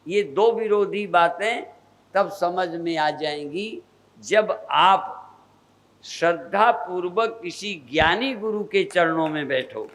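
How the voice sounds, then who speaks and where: High-voiced older man giving a slow sermon. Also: fairly bright tone, rough recording. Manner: measured, repetitive preaching cadence. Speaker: spiritual teacher.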